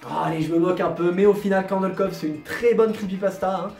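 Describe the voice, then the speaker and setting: A man's voice: high voice, quick pace, darkish tone, soft background music. A man hosting a comedic video commentary, joking, mocking and self-deprecating. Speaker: YouTube host. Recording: roomy echo, no proper mic.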